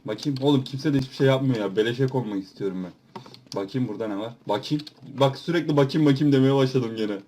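A young man giving loud, swearing, teasing commentary over his own gameplay, talking to viewers and mocking other players. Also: mid-range voice, fast talker. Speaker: gaming YouTuber. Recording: background noise.

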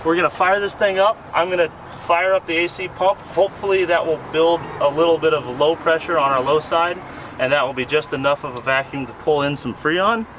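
A man's voice: fairly high pitch, fairly even intonation, fairly quick. A man hosting a car vlog who explains a repair in a casual, joking way while working outdoors beside a car. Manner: joking, self-mocking and chatty while working. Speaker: host. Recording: noisy outdoor recording with engine noise.

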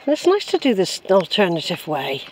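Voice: mid-range voice, huge pitch swings, a little fast. Chatty walking vlogger musing aloud, noisy outdoor recording. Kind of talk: rambling casual commentary while walking. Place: outdoors on a woodland track. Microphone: handheld camera's built-in microphone. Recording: outdoor handheld recording with clear noise.

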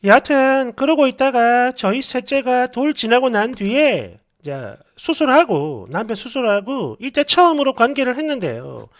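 A woman's voice: fairly high pitch, very animated, normal speed, hardly any pauses. A woman reading a dramatized online story in an exasperated, gossipy manner. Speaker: story narrator.

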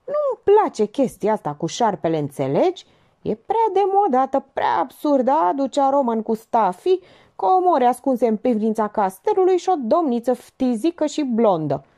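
Woman doing a brisk ironic old sleuth. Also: high-pitched, very animated, warm tone, pitched above the performer's own voice.

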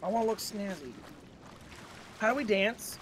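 A man's voice: high voice, expressive, moderate pace, crowd noise. A man chatting casually and playfully as he plays a game with friends. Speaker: gamer playing with friends. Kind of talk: casual playful gaming chat. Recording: noisy game audio behind voice.

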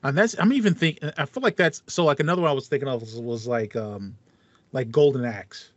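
He's a podcast co-host in his thirties with a mid-range voice, talking a little fast. He chats casually and with enthusiasm about video game music, rambling as he explains. The slightly muffled, dry online call audio comes from a headset in a small foam-paneled home room, with no room sound.

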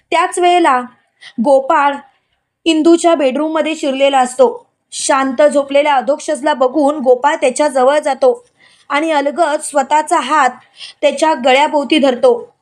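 Brief: woman storyteller, high voice, steady recap narration. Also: normal speed. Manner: steady storytelling, repeated linking phrases. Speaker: storyteller retelling a TV serial.

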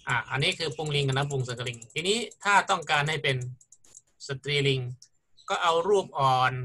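A man's voice: a little high, bright, forceful tone. A middle-aged man lecturing on grammar in a patient, explanatory way, often checking in with his students. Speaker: university lecturer.

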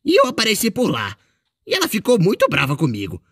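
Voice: mid-range voice, huge pitch swings, fast, a bit bright, husky, no room sound, clean studio sound, full character voice. A performer voicing a mischievous, boastful male ink demon in character while commenting on a game, with a playful, exclamatory manner.

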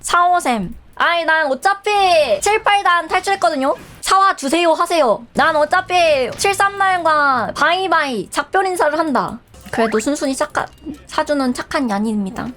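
Young woman streamer, high voice, teasing and chatty, bit of game music behind. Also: animated, normal speed, hardly any pauses, a bit bright. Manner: playful, teasing, chatty with viewers. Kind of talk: live game streaming chat.

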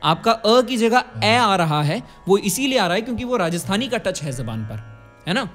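Very animated and a bit bright, at a normal speed, a young Indian-accented vocal teacher in his 20s with a high voice walks through singing and diction step by step. He demonstrates sounds and checks in with tag questions. A studio condenser mic sits close in front of him in a curtained room, with faint music playing behind.

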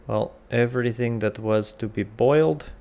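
Heard through a muffled recording, a man with a medium-pitched, darkish voice and some vocal fry talks at normal speed. He's playing a cooking game and casually commenting in a jokey put-on Russian accent, skipping articles and rambling to himself while he cooks.

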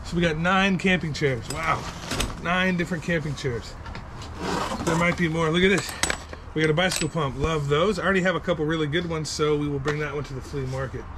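A man's voice: fairly high pitch, brisk. A man in his thirties casually rambling through his finds item by item, recorded on an action camera outdoors beside a vehicle. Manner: upbeat, rambling item-by-item chatter. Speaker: storage unit reseller vlogger. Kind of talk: casual unboxing commentary. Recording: loud background noise.

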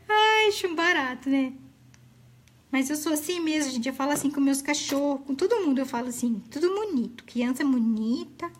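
Chatty woman, high voice. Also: a little slow, long pauses, fairly bright tone. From Brazil. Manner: chatty and affectionate, greeting viewers by name. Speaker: craft teacher hosting a live stream. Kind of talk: chatty live tutorial.

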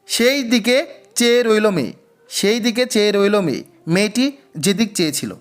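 With a high, animated voice at a moderate pace, this West Bengal man leads an exam-prep quiz lesson, reading every question twice before supplying and explaining the answer.

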